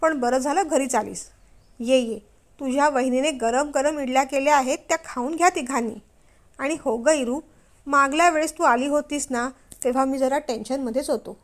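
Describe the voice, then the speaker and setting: A woman's voice: high-pitched, normal speed, lightly acted. A woman playing a kindly elder brother. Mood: welcoming. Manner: warm, welcoming. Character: kind elder brother, affectionate man.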